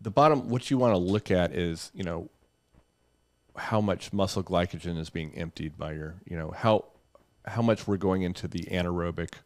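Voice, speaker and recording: Deep-voiced man explaining, low and dry. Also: normal speed, no echo. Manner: explanatory, thinks aloud with fillers. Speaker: doctor and co-host. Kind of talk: casual podcast chat.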